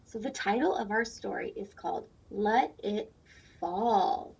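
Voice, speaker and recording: Here a female teacher leads a read-aloud lesson for young children, posing questions and explaining plainly. She speaks at medium pitch and a measured pace, with a darkish, slightly rough tone. The sound is dull, lo-fi and distant.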